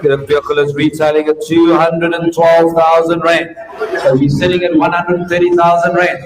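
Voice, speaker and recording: A man's voice: fairly high pitch, little pitch movement, normal speed. A South African man working as an auctioneer, calling bids at a live auction in a repetitive, rhythmic patter. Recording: echoey hall, distant mic, crowd around.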